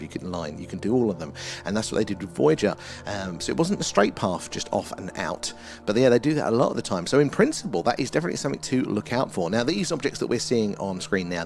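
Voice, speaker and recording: A man's voice: lowish voice, vocal fry. A man with an Essex accent hosting a livestream, chatting casually and answering viewers in a rambling, conversational way. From Essex, England. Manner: rambling, conversational, often ends phrases with "there". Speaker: livestream host. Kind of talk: casual live commentary, answering chat.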